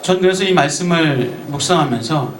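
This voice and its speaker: Korean pastor preaching in an echoey church. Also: male voice, on the high side, expressive, normal speed, far from the mic, slight background noise. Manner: acts out quoted lines, asks the congregation questions. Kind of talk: sermon. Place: church sanctuary.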